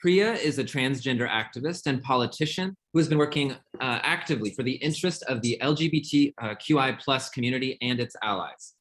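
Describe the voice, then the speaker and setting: A man's voice: medium pitch, fairly quick, few pauses, fairly bright tone. A man acting as moderator, formally introducing guests and putting questions to them in a panel discussion.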